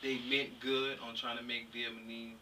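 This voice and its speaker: A man's voice: mid-range voice, level tone, normal speed, pushed and bright. A man asking questions in an informal interview, with casual phrasing and short acknowledgements. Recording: very distant mic, faint noise.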